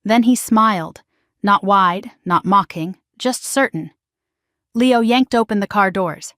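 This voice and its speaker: A woman's voice: mid-range voice, takes it slowly, no echo, clean studio sound. Woman narrating a suspense story. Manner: steady dramatic suspense telling. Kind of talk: scripted first-person story narration.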